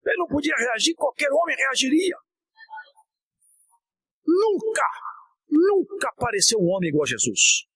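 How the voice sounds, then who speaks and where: A man preaching an impassioned sermon, at times shouting and at times dropping low. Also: huge pitch swings, brisk, few pauses, breathy edge, poor audio. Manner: impassioned, often shouting, swinging from high to low.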